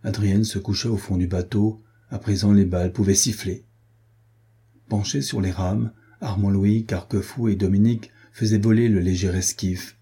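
Male audiobook narrator, very dark and husky tone, even measured reading. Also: lowish voice. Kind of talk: scripted narration.

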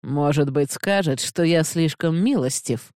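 A reader voicing a contemptuous male guard commander who speaks slowly and coldly, in a dry, close recording. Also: mid-range voice, a little mellow, dry recording, natural voice. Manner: slow, contemptuous. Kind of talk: audiobook character voice.

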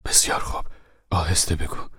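Male narrator voicing a patient older husband, whispered role-play, soft low whisper, audiobook. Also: dry recording, studio quality, lightly acted.

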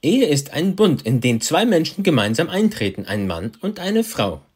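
A man's voice: on the high side, big pitch swings, moderate pace, darkish tone, breathy edge. A man interpreting a sermon, repeating each of the preacher's phrases right after him.

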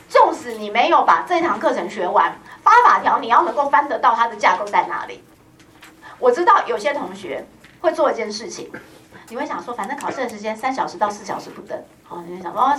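Lively, fast-talking woman teacher. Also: sits high, distant mic, slight background noise. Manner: chatty, teasing, lively, peppers speech with "hao" and "ha". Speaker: law exam prep teacher. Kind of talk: classroom lecture. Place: classroom.

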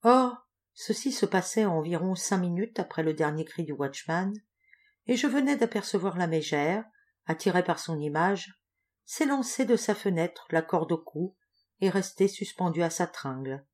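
A woman reading a classic story aloud as a volunteer audiobook reader, in an expressive, dramatic narrating style. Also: lowish voice, normal speed.

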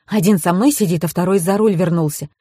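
A woman doing an excitable, dramatic young woman. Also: a little fast, breathy edge, no echo, clean studio sound. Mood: indignant. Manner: shrill and breathless, higher pitched.

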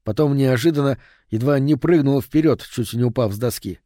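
A man reading a horror novel aloud in an even, measured way. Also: mid-range voice, dry recording, studio quality. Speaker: audiobook narrator. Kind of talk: scripted horror narration.

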